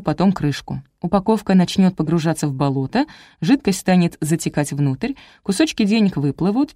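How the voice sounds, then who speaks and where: A woman reading a first-person detective audiobook in a brisk, wry storytelling manner. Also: on the low side, mellow, no echo, clean studio sound. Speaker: audiobook narrator. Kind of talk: scripted first-person narration.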